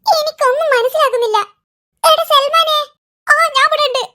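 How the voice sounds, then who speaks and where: A performer voicing squabbling cartoon kids and their mother, bickering in a squeaky, sped-up comic style. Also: normal speed, bright, forceful tone. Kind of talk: cartoon character voices.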